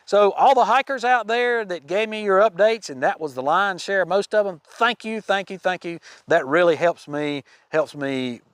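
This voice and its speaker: A man's voice: high voice, lively intonation, moderate pace, few pauses, fairly bright tone, clear, resonant tone, no echo. A man hosting a podcast, giving a chatty, folksy update on hikers with casual fillers and restarts. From United States. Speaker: podcast host.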